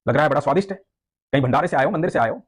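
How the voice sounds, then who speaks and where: A man's voice: fairly high pitch, animated, racing, husky. A man voicing a playful, caring cowherd boy of about ten who coaxes and pleads in a storybook tale. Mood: pleading. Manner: coaxing, pleading.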